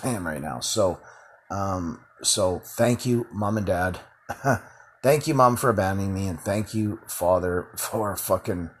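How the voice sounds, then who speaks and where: A man's voice: low-pitched, slight background noise. A man hosting his own podcast in a rambling solo monologue, swearing constantly and chuckling between filler words. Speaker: podcast host.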